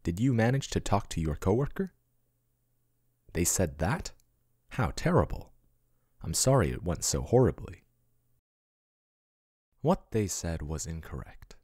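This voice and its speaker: A man plays a soft-spoken male AI chatbot in an ASMR-style roleplay, murmuring with intimate, doting care that turns possessive, a soothing-then-yandere character. His very low, breathy voice swoops in a lively melody at a measured pace with long pauses. The heavily acted recording is dry and close, with no echo.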